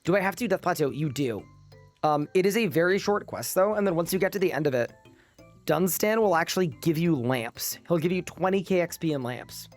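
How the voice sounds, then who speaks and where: A man's voice: a little high, expressive, fairly quick, soft background music. A sleep-deprived man streaming a game live, chatting casually and reading his chat aloud.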